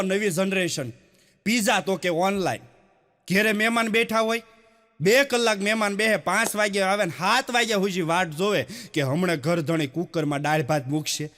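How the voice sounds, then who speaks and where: High bright comedian in a hall. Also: male voice. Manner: chatty jokes with acted quotes and sung lines. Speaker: stand-up comedian. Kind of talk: Gujarati folk comedy storytelling. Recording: long hall reverb.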